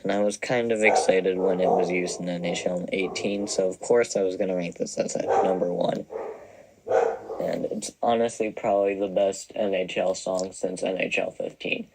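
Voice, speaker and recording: A man's voice: low-pitched, fairly even intonation, moderate pace, heavy background noise. A young man in his twenties giving casual, wry commentary as he ranks songs, rambling and self-deprecating. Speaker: video creator ranking songs.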